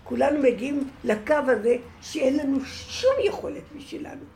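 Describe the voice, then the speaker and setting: A woman's voice: sits high, darkish tone, reverberant, a little hiss or hum. A woman in a group discussion, telling personal anecdotes expressively and laughing as she talks. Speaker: participant in a women's study group. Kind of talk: animated storytelling in group discussion.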